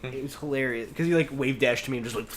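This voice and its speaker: Talking fast in a mid-range voice, this man co-hosts a podcast, rambling through anecdotes and cursing without restraint. Background noise is noticeable throughout.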